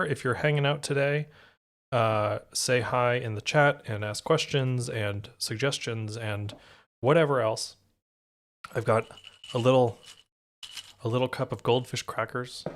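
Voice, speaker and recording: On a live stream, a podcast host demos guitar gear, talking casually through a guitar pedal with loose, rambling explanations and self-corrections. His voice is mid-range with a fairly bright tone.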